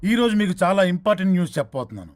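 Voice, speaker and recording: A man's voice: sits high, sing-song, very fast, no echo. An actor playing a commanding male boss addressing his staff. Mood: announcing. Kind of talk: film comedy acting. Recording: film soundtrack with loud music.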